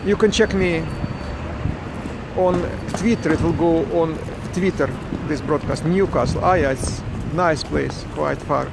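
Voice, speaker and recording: A Ukrainian father livestreams a protest on his phone from a city street, with traffic noise filling the outdoor recording. His voice is on the high side with vocal fry and a slightly slow pace, and he answers viewers in broken English, frequently restarting his words.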